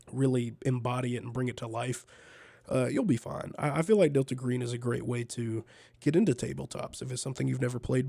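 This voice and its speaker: Guy podcaster chatting casually, sounds sick and stuffed up, nasal mellow voice w some fry, laid back rambling. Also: mid-range voice, no room sound. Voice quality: nasal, congested. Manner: laid-back, conversational, repeats words as he goes. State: under the weather, sick. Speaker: solo podcast host. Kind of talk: casual rambling fireside chat about gaming.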